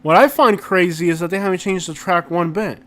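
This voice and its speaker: A man hosting a casual live stream, talking in an informal, slangy and halting way and often repeating himself. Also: high-pitched, a bit bright. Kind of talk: casual live stream chat, reacting to viewers. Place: inside a rented house.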